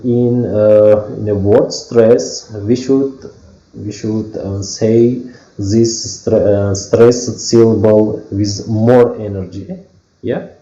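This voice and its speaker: A man with an Uzbek accent walks through a phonology lesson at a very slow, hesitant pace, full of fillers. His voice is dark and mellow. The recording is echoey and dull, as if made in a bare room. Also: fairly low pitch. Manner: hesitant, many fillers and restarts. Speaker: English teacher.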